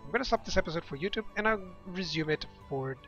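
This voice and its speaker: A young streamer talks fast in a high, bright, forceful and expressive voice as he plays a strategy game. It's casual let's-play chatter with viewers, full of rambling and easy laughter. Game music accompanies the slightly dull, lo-fi recording.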